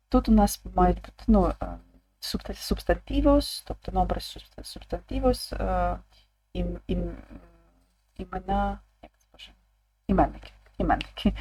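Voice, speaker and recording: Slow, mellow woman teaching a lesson. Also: medium pitch, poor audio. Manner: calm, slow, repeats words aloud. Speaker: language teacher. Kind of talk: slow explanatory online lesson.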